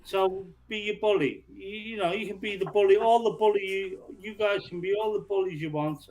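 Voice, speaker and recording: Rambling man with a higher voice. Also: a little mellow, rough recording. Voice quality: slow, drawn-out speech. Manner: rambling, halting, repetitive. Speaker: panel caller and channel supporter. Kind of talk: casual livestream panel chat.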